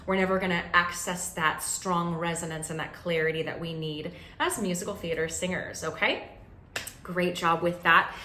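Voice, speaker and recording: A woman vocal coach leading a warm-up lesson, encouraging and checking in with "okay?" as she goes. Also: fairly low pitch. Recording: roomy echo with faint ambient noise.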